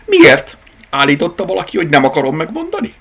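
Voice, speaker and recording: A man's voice: wildly swooping pitch, vocal fry, crowd noise, exaggerated voice. A man voicing a cheeky, insolent rabbit in a children's storybook reading, offhand and snappy. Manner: snappy, offhand, high and sharp. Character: cheeky idle rabbit, plush-toy world, insolent.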